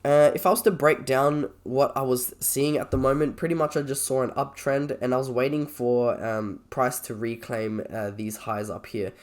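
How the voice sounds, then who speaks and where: A man with a croaky, slightly sick voice, talking informally and a little hesitantly as he reviews trades on a screen recording. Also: mid-range voice, fairly even intonation, moderate pace, hardly any pauses. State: sick with a cold or cough. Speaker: trader presenting a video.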